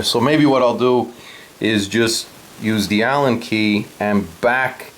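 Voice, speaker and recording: This man hosts a DIY guitar how-to video, narrating a casual tutorial step by step in a plain, informal way. His voice sits at medium pitch, and the audio quality is poor.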